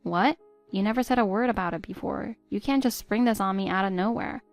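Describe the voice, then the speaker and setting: A woman voicing a patient, hurt middle-aged stepmother who pleads gently with her stepdaughter. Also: medium pitch, fairly quick, dry recording, soft background music, lightly acted. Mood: pleading. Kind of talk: text-story voice acting.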